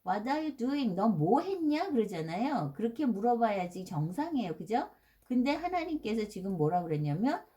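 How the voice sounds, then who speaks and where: A woman's voice: medium pitch, warm tone. A middle-aged woman giving a casual Bible lesson, asking her listeners questions and dropping English words into her talk. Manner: conversational, asks rhetorical questions, mixes in English words. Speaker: Bible study teacher.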